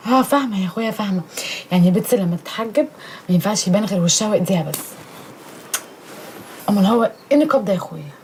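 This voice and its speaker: Egyptian sister, gossipy, actress, fast talker, noisy track. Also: female voice, medium pitch, lively intonation, a little mellow, lightly acted. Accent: Egyptian Arabic. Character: young sister, sly and gossipy. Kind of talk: TV series acting. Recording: noisy background.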